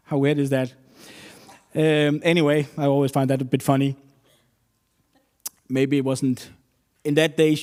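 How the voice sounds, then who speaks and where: A man's voice: on the high side, a little mellow. Earnest man preaching a sermon. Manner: earnest, storytelling with non-native English phrasing.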